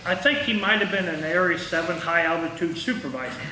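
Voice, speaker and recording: Speaking to locals at a historical society, this middle-aged or older Midwestern man from small-town Indiana recalls his years as an air traffic controller in a rambling, halting way that hops from thought to thought. His voice runs on the high side, and the echoey room and distant mic add faint noise.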